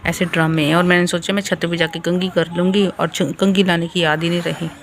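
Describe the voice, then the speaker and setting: A young woman vlogging casually about her day with her children, sounding tired and sleepy, keeping her voice soft so the baby stays asleep. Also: lowish voice, flat delivery, brisk, a little hiss or hum. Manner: chatty, talking softly to avoid waking a baby. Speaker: vlogger, mother. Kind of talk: casual family vlog talk. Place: outdoors on a home rooftop.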